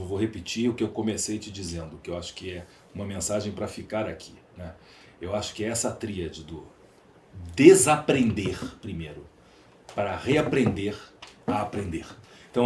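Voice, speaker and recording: A Brazilian man, a podcast guest, delivers a conversational monologue with emphasis and rhetorical flair, stacking up lists and questions to make his points. His voice is fairly low and a little mellow. The room echoes, and faint background noise is audible.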